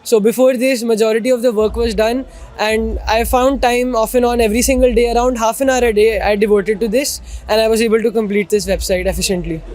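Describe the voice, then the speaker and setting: A man's voice: very high-pitched, steady tone, fairly quick, darkish tone. A teenage boy with an educated Indian English accent, politely and articulately explaining his work in an interview. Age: teenager, about 15. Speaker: student volunteer being interviewed.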